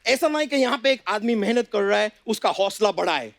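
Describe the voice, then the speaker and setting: A man putting on a bumbling high-voiced fake fan. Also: lively intonation, fairly quick, creaky, a bit bright, no echo, full character voice. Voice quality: stammering over big words, mixes English. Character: bumbling self-styled Hollywood fan-producer, man, fumbling words. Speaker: comedian in a sketch. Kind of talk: comic sketch impression with broken Hindi grammar. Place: TV studio stage with audience.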